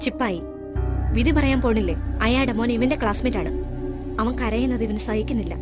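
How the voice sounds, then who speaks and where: A woman plays a spirited mother who talks fast and high as she defends her son. She argues and pleads in turn. Loud film music runs under her lines. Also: lightly acted. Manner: argumentative, pleading. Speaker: mother and wife. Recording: film dub with music behind.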